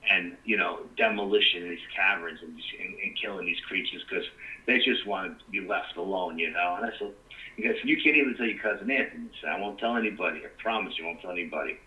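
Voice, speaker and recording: A middle-aged man tells a rambling story as a guest, with "you know" in nearly every line. His voice sits low but sounds bright and forceful. He is heard from a distance over dull, lo-fi livestream audio. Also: steady tone, fast. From New York. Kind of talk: casual storytelling.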